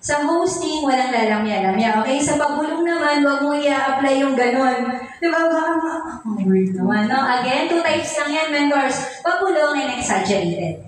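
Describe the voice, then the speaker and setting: A woman mentor with a high voice leads a seminar training, playful and teasing as she acts out examples. She sounds far from the mic, with a strong hall echo and faint background noise. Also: animated, normal speed. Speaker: business mentor.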